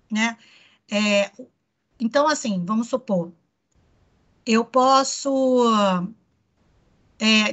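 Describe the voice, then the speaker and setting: Brazilian woman lecturing, slightly high voice. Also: a bit bright. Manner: explanatory, frequent tag questions "né". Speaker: psychoanalysis lecturer. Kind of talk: online lecture.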